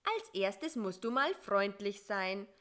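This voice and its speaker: A woman voicing a clever, pushy male fly who talks fast and high with restless eagerness. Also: sing-song, fairly bright tone, clean tone. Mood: eager.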